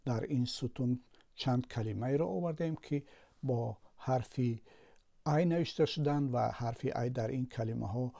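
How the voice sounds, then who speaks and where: A man's voice: medium pitch, creaky, mellow. A man with a Tajik Persian accent, a language teacher patiently explaining a lesson with word examples.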